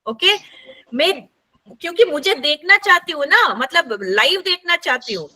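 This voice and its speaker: Woman, counselor, workshop leader, conversational teaching, high pitch, frequent check-ins. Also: expressive, unhurried, bright, forceful tone, poor audio. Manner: keeps checking in with listeners, many fillers. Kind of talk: conversational teaching with case stories.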